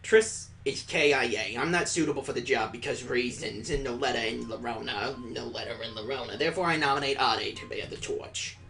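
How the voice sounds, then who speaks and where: Over background music, a man narrates a visual novel's text as a gameplay host, hamming it up in grand, storybook fashion. He's mid-range and gravelly with a sharp tone, speaking fairly quickly with few pauses.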